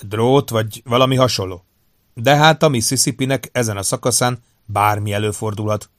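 A man's voice: lowish voice, a bit bright, no room sound, studio quality, close to an everyday voice. A man doing a blunt medical examiner. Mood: explaining. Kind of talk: audiobook character voice.

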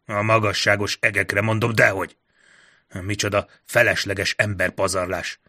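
A man voicing a brisk, commanding male general who gives crisp orders. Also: on the low side, level tone, bright, forceful tone.

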